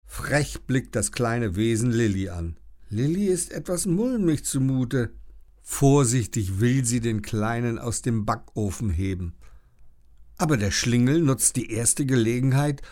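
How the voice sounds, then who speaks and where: A man reading a children's story aloud with an expressive, storytelling delivery. His voice sits at an ordinary pitch but rises and falls in wide, lively swings. He sounds engaged throughout. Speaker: narrator. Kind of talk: children's audiobook narration.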